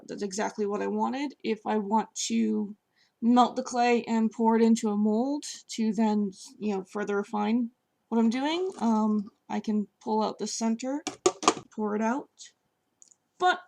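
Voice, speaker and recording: At home at a table beside a sofa, a woman sculptor reviews clay and demonstrates how she works, chatting with fillers while her hands stay busy. Her medium-pitched, slightly mellow voice is hoarse, gravelly and scratchy, partly lost.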